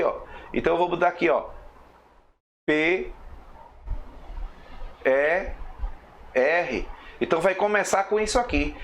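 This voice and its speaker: A man with a slightly high voice teaches a recorded math lesson. He explains step by step, counts slowly and keeps checking that his students follow. Faint background noise sits under his voice.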